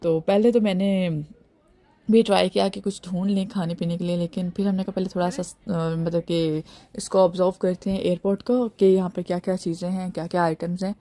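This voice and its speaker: A woman's voice: lowish voice, level tone, fairly quick, warm tone. A woman from Pakistan, chatting casually as a travel vlogger, giving advice and using many fillers while she tours an airport. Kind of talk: casual travel-guide narration. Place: airport terminal, recorded while touring.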